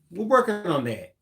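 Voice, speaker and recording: A man co-hosting a live craft stream, reading viewer comments aloud with relaxed, joking asides. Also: sits high, vocal fry. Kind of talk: live stream co-host chat.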